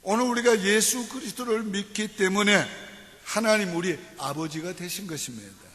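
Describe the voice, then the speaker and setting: A male pastor preaching a sermon, asking the congregation questions and answering himself, dropping slow and low for scripture and prayer. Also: a bit bright, long reverb tail. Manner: call-and-response preaching, repeated "예" and questions to the congregation. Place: church sanctuary.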